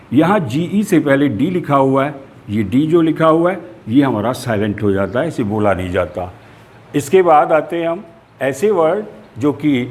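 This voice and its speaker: A man teaching a lesson, explaining spellings steadily and spelling words out letter by letter. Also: mid-range voice.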